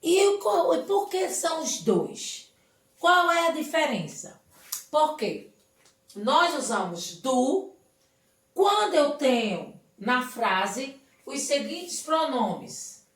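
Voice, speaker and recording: A woman's voice: high voice, very animated, slow pace, a bit bright. A woman teaching an English class, patient and often checking that her students follow. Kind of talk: remote classroom lesson. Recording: echoey room, far from the mic.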